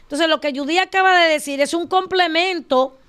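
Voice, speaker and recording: High-voiced woman teaching with emphasis. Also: moderate pace, a bit bright. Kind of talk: casual faith discussion.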